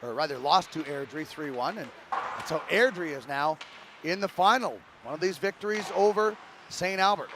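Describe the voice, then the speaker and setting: High-voiced male hockey play-by-play caller. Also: noisy background. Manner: brisk, rising with the action, occasional fillers. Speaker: play-by-play commentator. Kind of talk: live hockey play-by-play commentary.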